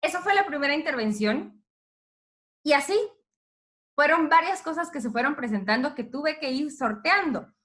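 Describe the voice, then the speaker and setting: Woman, radio announcer, bright clear voice, lively storytelling to teachers. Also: high-pitched, moderate pace, pauses often. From Guatemala. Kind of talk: talk to teachers.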